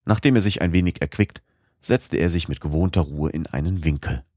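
Male audiobook narrator, very low voice, husky, measured reading, dry close sound. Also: a little mellow, no echo. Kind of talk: scripted narration of a classic novel.

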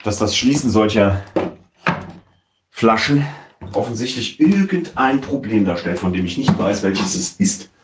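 Guy rambling through his gameplay, swears a bit, lively up-and-down voice, sounds far off in an echoey room with noise behind. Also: lowish voice, a little slow. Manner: rambling, mutters to himself, swears casually. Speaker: let's play commentator. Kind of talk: casual gameplay commentary. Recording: roomy, distant mic, noisy background.

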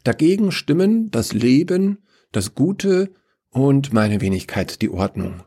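A man's voice: medium pitch, big pitch swings, takes it slowly, mellow, slightly rough, pitched above the performer's own voice, exaggerated voice. A man voicing Order, a fussy, bureaucratic male figure who talks in a prim, hectic way.

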